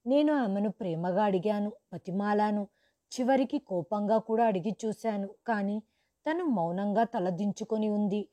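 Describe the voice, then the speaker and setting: A woman's voice: mid-range voice, moderate pace, dark tone. Woman telling a dramatic story. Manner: dramatic, acts out quoted lines with raised voice. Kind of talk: scripted first-person narration.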